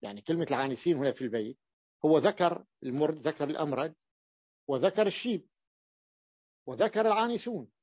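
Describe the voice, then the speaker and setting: A man teaching an Arabic grammar lesson, explaining slowly, often repeating and restarting words as he works through a point. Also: on the high side, animated, slightly rough, no echo. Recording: dull lo-fi dry recording.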